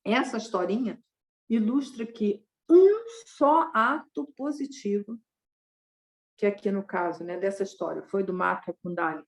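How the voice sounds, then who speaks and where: A woman's voice: mid-range voice, unhurried. A woman giving a Buddhist dharma talk, retelling a parable conversationally and tagging many sentences with a question. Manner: conversational, constant tag questions.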